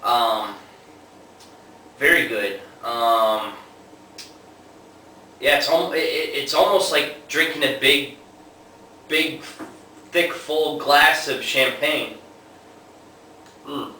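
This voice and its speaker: Guy doing a chill drink review, bright voice, lots of ums, mic kinda far off, faint room noise. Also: mid-range voice. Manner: relaxed, unhurried, lots of fillers. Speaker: homebrew reviewer. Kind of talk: casual tasting review. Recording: echoey room, mic at a distance.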